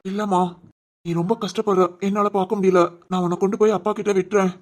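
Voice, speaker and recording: A woman voicing a gentle, caring young husband in an animated cartoon, soothing and reassuring. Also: medium pitch, fast, natural voice.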